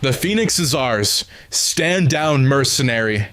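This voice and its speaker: A man's voice: medium pitch, lively intonation, a little slow, a bit bright, dry recording. A man voicing a stern armored alien squad leader giving formal orders. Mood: commanding.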